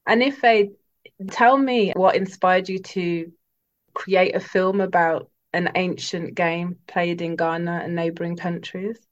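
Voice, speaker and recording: A woman interviewer asking quiet, brief questions and follow-ups. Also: lowish voice, fairly even intonation, slow. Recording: dull lo-fi sound.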